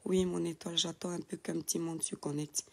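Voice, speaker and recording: A woman's voice: lowish voice, little pitch movement, brisk, vocal fry. A woman, just awake, on an audio-only phone live stream, affectionately greeting viewers by name and reading their comments with hesitant fillers. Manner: affectionate, calls viewers "my star", reads names with hesitant fillers. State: just woken up.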